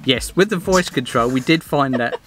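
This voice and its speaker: A man's voice: medium pitch, lively intonation, normal speed, a bit bright, soft background music. A middle-aged man talking casually through a product review, rambling a little and restarting his sentences. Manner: rambling, restarts often, plain and friendly. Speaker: vlogger reviewing a dash cam.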